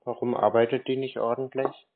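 A man with a medium-pitched voice and flat delivery talks a little fast while prank-calling phone scammers. Naive and hesitant, he sounds confused and keeps stalling, heard over a tinny narrowband phone connection.

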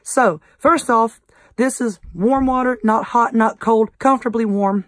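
Hoarse Southern woman demonstrating a craft. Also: on the high side, dry recording. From North Carolina. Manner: friendly, chatty, addresses viewers as y'all. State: hoarse, croaky voice. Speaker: crafting channel host. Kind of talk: casual craft tutorial.

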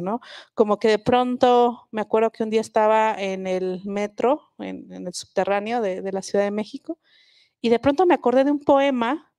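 A somewhat high, slightly mellow voice with clear resonance comes through with no room sound, dry and close. The speaker, a linguist from Oaxaca, Mexico, who first spoke Mixe, reflects and explains at a book festival, restarting often as a guest.

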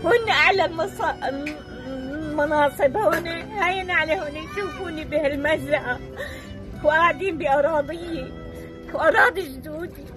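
A woman's voice: high voice, normal speed. A woman in her seventies with a Syrian Arabic accent, crying and pleading in anguished, aggrieved broken phrases in a street interview. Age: 70s. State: crying, distressed. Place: outdoors among a crowd. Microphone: handheld reporter's microphone. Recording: outdoor news clip with crowd and music.

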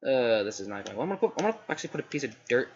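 Racing along in a sing-song, mid-range voice that's slightly scratchy with a breathy edge, a young man rambles chattily while playing a game. He frequently corrects himself mid-sentence, and his slightly dull home recording carries faint noise.

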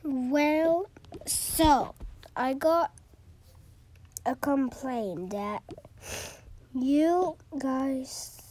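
Female player as a high-voiced stern school principal. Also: a little mellow. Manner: halting, scolding. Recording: noisy home recording with clicks.

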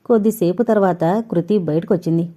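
A woman reading a novel aloud as narrator, in steady storytelling. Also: lowish voice, a little fast. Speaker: audiobook narrator.

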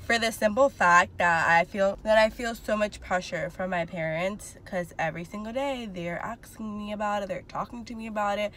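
A young woman in her twenties chats candidly into a phone held at arm's length, sitting in her parked car. Her voice sits at a middle pitch, loose and filler-heavy, with a faint hiss of ambient noise under it. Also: normal speed, hardly any pauses, a bit bright. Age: 20s. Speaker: vlogger. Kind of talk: casual rambling vlog to a phone camera.

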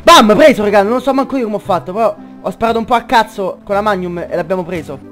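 A young man doing excitable gameplay commentary, swearing a lot and shouting in bursts. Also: high voice, fast, faint music behind. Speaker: gaming YouTuber.

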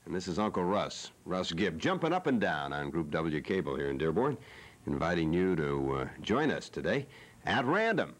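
Lively low-voiced joking male TV host. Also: normal speed. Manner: playful, teasing. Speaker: talk show host. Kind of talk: joking, rambling TV talk. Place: cable TV studio.

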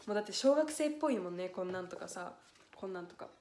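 A woman's voice: on the low side, expressive, fast talker, darkish tone. A young woman chatting on a solo livestream, reading letters aloud and getting close to tears. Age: young adult. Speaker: livestream idol host. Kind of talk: casual solo livestream chat. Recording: echoey room with faint noise.

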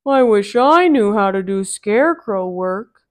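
Woman voicing Brer Bear, animated and gullible. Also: mid-range voice, measured pace, close to an everyday voice. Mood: curious, impressed. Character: gullible, friendly big male storybook bear.

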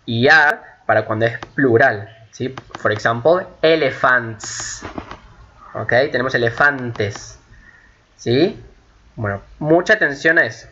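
A man teaching an English grammar lesson, patiently repeating points, checking understanding with frequent "ok?", and saying the English examples slowly and carefully. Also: mid-range voice, pushed and bright. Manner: switches between Spanish and slow, carefully spoken English. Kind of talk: recorded online lesson explaining grammar. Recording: dull lo-fi home recording with faint hiss.

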